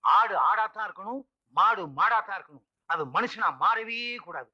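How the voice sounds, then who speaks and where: A man's voice: sits high, normal speed, pushed and bright, dull audio. An actor playing a sly villager who lectures the headman in a film comedy.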